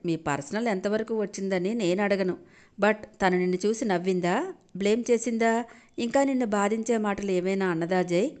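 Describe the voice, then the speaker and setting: A woman voicing an affectionate, teasing middle-aged aunt who turns sharp and mocking when crossed, in an audio story. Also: mid-range voice, lightly acted. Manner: affectionate, sly, cutting when provoked.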